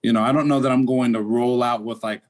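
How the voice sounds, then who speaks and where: A man's voice: medium pitch, fairly even intonation, quick pace. A Dominican American man in a casual podcast discussion, explaining his views earnestly with statistics and many restarts. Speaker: podcast co-host.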